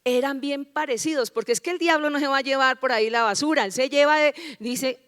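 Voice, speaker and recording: A woman's voice: high-pitched, fairly quick, a bit bright. A woman pastor preaching a rousing sermon, firing rhetorical questions and leading the congregation in call-and-response. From Colombia. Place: large church hall. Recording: church hall reverb.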